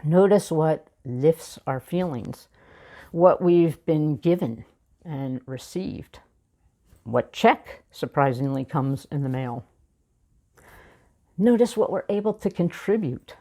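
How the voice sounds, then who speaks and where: Woman minister preaching, low warm voice, reflective, pauses a lot while telling a story. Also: animated. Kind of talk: sermon with personal story.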